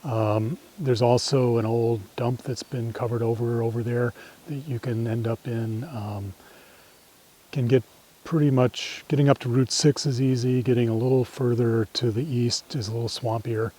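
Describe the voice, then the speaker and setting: A man's voice: medium pitch, steady tone, normal speed, warm tone. A middle-aged man giving an informal talk as he guides a nature walk, reflective and tentative, often trailing off at the ends of phrases. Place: outdoors on a farm trail.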